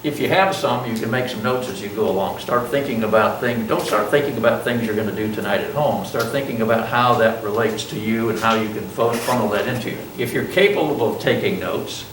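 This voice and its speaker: A man's voice: lowish voice, fairly quick, hardly any pauses, noisy background. An older man lecturing a college class through a mask, chatty, joking at himself and asking the students questions. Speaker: college instructor. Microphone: masked, speaking in a classroom. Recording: roomy classroom sound from a distance.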